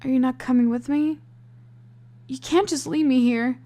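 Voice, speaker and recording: A woman reading aloud, voicing a frightened, squeamish young woman in urgent, near-shouting bursts. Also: high-pitched, measured pace, voice pushed up.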